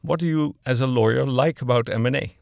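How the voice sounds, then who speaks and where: A Dutch-speaking man hosts a studio podcast interview, asking polite, well-structured questions. His mid-range voice is darkish with vocal fry, a little fast, and there's no room sound.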